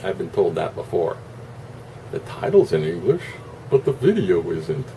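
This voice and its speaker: Deep-voiced man, unhurried delivery, casual opinionated rant, sarcastic salty asides, air-conditioner hum in the room. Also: very animated, mellow, far from the mic, poor audio. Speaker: online video host.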